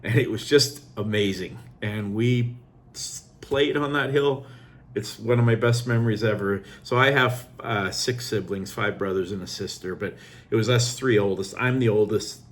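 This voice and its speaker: A man's voice: lowish voice, normal speed. A man in his sixties from Norway with a Norwegian accent, casually reminiscing in a rambling vlog monologue full of fillers. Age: 60s. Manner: rambling, warm storytelling with fillers and switches into Norwegian. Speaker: vlogger.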